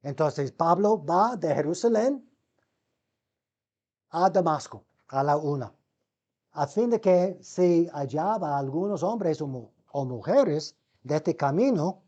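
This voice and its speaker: A man's voice: on the high side, warm tone, lo-fi sound. A man giving a seminary Bible lecture, calling his listeners brothers, asking them rhetorical questions and often restarting words mid-sentence. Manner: asks the class rhetorical questions.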